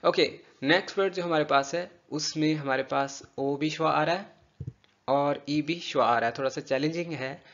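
A man's voice: on the high side, fairly bright tone. Patient male pronunciation teacher, muffled audio. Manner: patient, drills words slowly and repeats them. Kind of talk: spoken language lesson.

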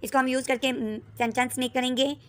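A woman teacher with a Pakistani accent giving a textbook lesson, reading English words and sentences slowly and clearly, then explaining them. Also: high voice, steady tone, fairly bright tone.

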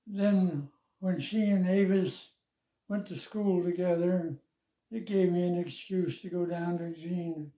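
An elderly man telling stories of his life and church work in a relaxed interview, chuckling now and then, seated at home. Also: high-pitched. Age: older. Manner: slow, chuckling storyteller. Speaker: interviewee, longtime church member. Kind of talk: reminiscing interview. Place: living room, seated in armchair. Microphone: lavalier mic. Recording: roomy, slightly dull sound.

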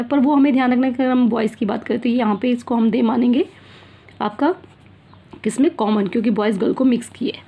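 An Indian schoolteacher with a fairly high, husky voice that has a gravelly edge. Her tone is dark and mellow. She explains English grammar to young pupils in a patient classroom manner, switching between Hindi and English and often checking that they follow. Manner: mixes Hindi and English, calls pupils "beta", repeats and checks "theek hai na". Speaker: school teacher. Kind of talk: online English grammar lesson.

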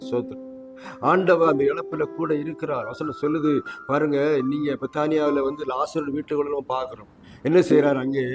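A man preaching a sermon, his voice rising sharply on quoted words. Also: medium pitch. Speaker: pastor. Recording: music playing under the voice. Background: instrumental music.

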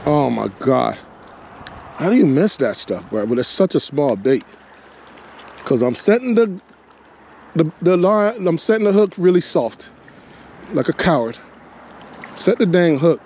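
Out on a rocky shore with an action camera strapped to his body, a fishing vlogger chats to himself and the fish in loose running commentary. He sounds somewhat high yet darkish in tone, sing-song and a bit slow, pausing often, over slight background noise.

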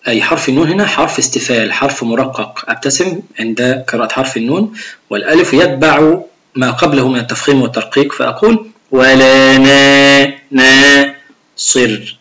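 A man's voice: mid-range voice, a bit bright. A middle-aged male teacher gives a recorded video lesson on Quran recitation to young pupils. He works through the rules step by step and demonstrates how each sound should be pronounced. He talks straight to the pupils and encourages them to follow along. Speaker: religion teacher.

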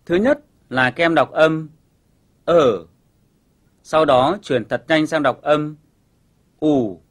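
A man teaching a children's English lesson on television, explaining pronunciation patiently and clearly. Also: a little high, a little slow.

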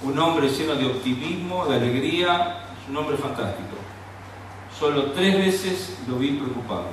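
A man with a Rioplatense Argentine accent preaches a sermon in a slightly high voice. He moves from quiet storytelling to fervent, raised exhortation. He is picked up from a distance in a very echoey church hall with faint background noise. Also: lively intonation, moderate pace.

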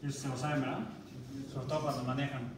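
A man's voice: medium pitch, little pitch movement, fast. A man with a Mexican Spanish accent gives a university math lecture in a classroom, often quizzing the students and restarting words. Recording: very echoey classroom recorded from far off, noisy.

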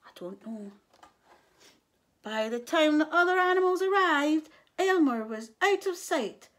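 Lively woman reading a storybook. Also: sits high, measured pace. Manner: animated, does character voices and whispered asides. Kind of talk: reading a children's picture book aloud.

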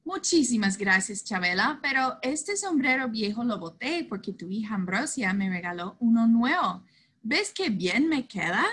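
A woman voicing a kindly, fretful old uncle in a children's story, speaking slowly and softly. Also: fairly high pitch, expressive, breathy edge. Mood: gentle.

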